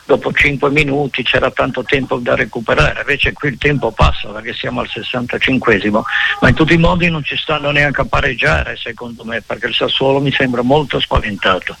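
A man with an Italian accent giving unscripted tactical football analysis as a pundit, halting and repeating himself for emphasis. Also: mid-range voice, gravelly, pushed and bright, slight background noise, rough recording.

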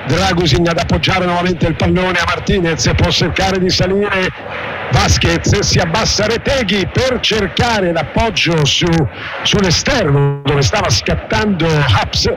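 A man's voice: high-pitched, unhurried, over loud music, rough recording. An Italian man giving live radio play-by-play of a football match in flowing, formal descriptive phrases. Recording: loud stadium noise behind. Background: loud stadium ambience.

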